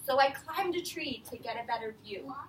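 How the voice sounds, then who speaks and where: An elementary school teacher with a high, animated voice reads aloud to a group of young children at a normal pace, explaining in simple terms and often questioning them. The setting is an echoey classroom, recorded on a distant mic with faint noise.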